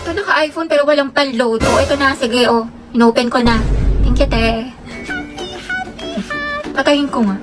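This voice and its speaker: A fairly high-voiced woman griping her way through comedy skits with playful sarcasm. Background music plays beneath her. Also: normal speed, pauses often. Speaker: comedy skit performer. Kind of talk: comedic skit dialogue.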